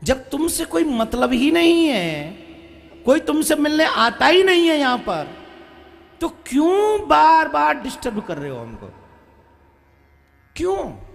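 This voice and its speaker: A man playing a short-tempered grown son who shouts and scolds his old father in exasperation. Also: very high voice, big pitch swings, takes it slowly, vocal fry, pauses often, voice pushed up, heavily acted. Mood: furious shouting.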